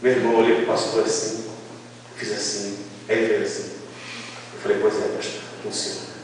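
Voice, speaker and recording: A male preacher from Brazil telling a testimony in a sermon, acting out dialogues with lively storytelling. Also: lowish voice, brisk, slight background noise. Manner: animated storytelling, quoting God and people in dialogue. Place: large church. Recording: echoey church hall from far off.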